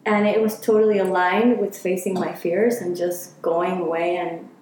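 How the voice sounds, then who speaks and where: A woman's voice: lowish voice, flat delivery, moderate pace, a little mellow. A woman from Chile, talking reflectively in a casual interview and using many fillers. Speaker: interviewee, healer. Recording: very echoey room.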